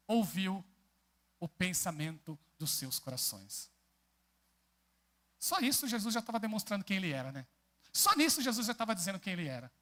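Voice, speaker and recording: Animated Brazilian pastor preaching. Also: male voice, sits high. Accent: Brazilian Portuguese. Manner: animated, often asks the congregation questions. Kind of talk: expository sermon. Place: church.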